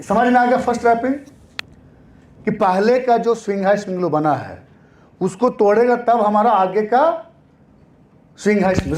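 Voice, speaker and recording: Guy teaching chart reading, high lively voice, keeps repeating stuff and asking himself questions. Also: slight background noise. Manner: repetitive, asks and answers own questions. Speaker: trading teacher. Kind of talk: classroom-style chart lesson.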